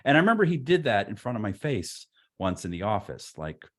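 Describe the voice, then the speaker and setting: A man's voice: lowish voice, very animated, fairly quick, fairly bright tone. A man being interviewed who tells laid-back, wry stories about his career in a casual way, with many restarts and fillers. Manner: rambling with frequent restarts and fillers. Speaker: guest. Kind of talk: casual anecdotal storytelling.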